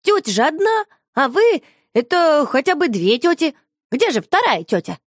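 A woman's voice: high-pitched, very animated, normal speed, no echo, clean studio sound, voice pushed up. A woman voicing a wild, blunt little cavegirl who exclaims shrilly and pushes her questions. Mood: eager.

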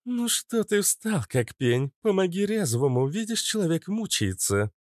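Haughty young nymph woman, voiced by a male narrator; high, imperious, mocking. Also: very animated, moderate pace, a little mellow, no echo, studio quality. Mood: scornful.

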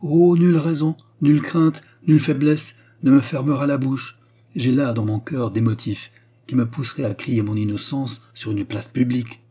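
A man's voice: mid-range voice, fairly even intonation, moderate pace, mellow, slightly rough. A man reading aloud and voicing a proud, haughty queen who speaks with vehement scorn. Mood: indignant. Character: proud furious woman queen. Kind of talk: audiobook character reading.

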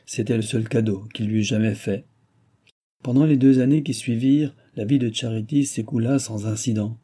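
A man reading a novel aloud as narrator, in a measured, even delivery. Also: medium pitch, husky. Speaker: audiobook narrator.

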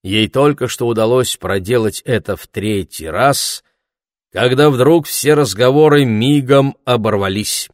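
A man narrating an audiobook in an expressive storytelling voice. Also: medium pitch, unhurried, dry recording, clean studio sound. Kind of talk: scripted narration.

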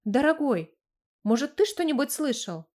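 Earnest, polite lady, pitched up, eager to explain, as a woman narrator plays her. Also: big pitch swings, moderate pace, darkish tone. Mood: puzzled. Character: anxious lady in a bathrobe, helpful, polite.

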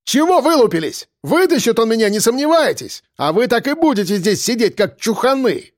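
A man voicing an arrogant, spoiled young man who sneers and breaks into shrill outbursts. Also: sing-song, moderate pace, darkish tone, dry recording, studio quality. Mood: boastful.

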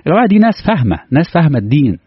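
A man with an Egyptian Arabic accent preaches quickly and earnestly, firing rhetorical questions at his congregation. His voice is husky and dry, close to the mic. The recording sounds dull and lo-fi. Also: a little high, very animated, no room sound. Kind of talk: conversational sermon.

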